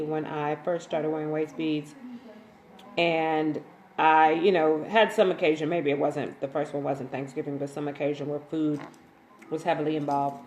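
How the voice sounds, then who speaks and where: A woman hosting a casual livestream, chatting with viewers, greeting them by name and reading their comments in a relaxed, informal way. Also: sits low, reverberant, rough recording. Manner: relaxed and informal, frequent ums and slang. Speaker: waist bead maker and seller, livestream host.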